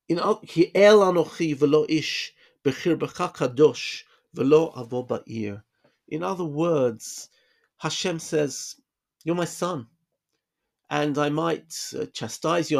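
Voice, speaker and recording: A man's voice: a little high, gravelly, darkish tone. A man giving a casual Bible study lesson, reading Hebrew verses aloud and explaining them in plain English. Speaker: Bible teacher.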